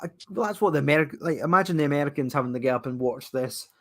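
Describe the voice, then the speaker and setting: A man's voice: a little high, very fast. A man co-hosting a casual live-reaction chat, rambling and laughing often. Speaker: co-host. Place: at home watching TV.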